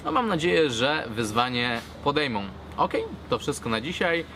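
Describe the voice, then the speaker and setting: A man in his thirties from Poland talks casually to camera as a vlogger, with a hesitant, halting delivery, recorded outdoors. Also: mid-range voice, lively intonation, bright, forceful tone. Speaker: cigar blogger, vlogger. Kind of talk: casual vlog talk to camera. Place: outdoors at a garden table by a brick wall. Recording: clear outdoor urban background noise.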